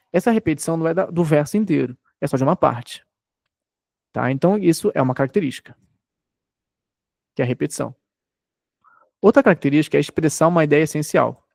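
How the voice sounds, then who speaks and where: A man's voice: fairly high pitch, expressive, a little fast, vocal fry, long pauses, a little mellow, no echo, clean studio sound. A man in his thirties from Brazil, giving an online lecture, explaining patiently and checking in often with his students. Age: 30s. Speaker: teacher.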